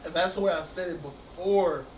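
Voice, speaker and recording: Male host with a high, bright, slangy voice, recorded far off in a reverberant room. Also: moderate pace. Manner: loose, slangy banter. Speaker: show host. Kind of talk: casual chat. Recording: echoey room, distant mic, faint noise.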